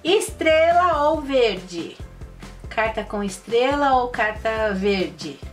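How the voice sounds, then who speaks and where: A woman hosting a children's channel, playing a board game in an excitable, sing-song presenter way with lots of exclaiming. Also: fairly high pitch, slow pace. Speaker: kids' channel host. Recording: voice a bit far from the mic, faint music.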